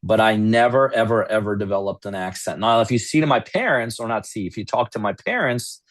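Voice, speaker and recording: A man's voice: on the low side, expressive, a little fast, no room sound. A man from Russia with no accent, hosting a webinar over a video call in a rambling, self-deprecating way. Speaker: webinar host. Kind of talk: casual webinar chat.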